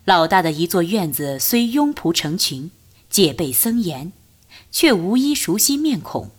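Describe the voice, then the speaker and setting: A woman narrating a novel as an audiobook, reading in a lively, expressive storytelling way. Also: on the low side, unhurried, breathy edge.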